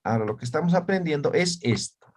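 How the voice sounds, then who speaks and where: A man's voice: a little high, animated, fast talker, darkish tone. A man teaching a language class on a video call, checking often that students follow. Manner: checks understanding with frequent tag questions.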